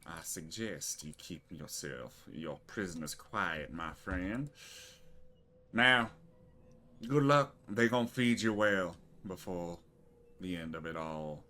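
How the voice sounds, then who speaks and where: Brief: a man as a greasy cult greeter, polite and threatening, bright-toned. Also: low voice, animated, slow pace, heavily acted. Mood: smug welcome. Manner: oily politeness with veiled threats. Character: fawning male cultist greeter, smug, menacing.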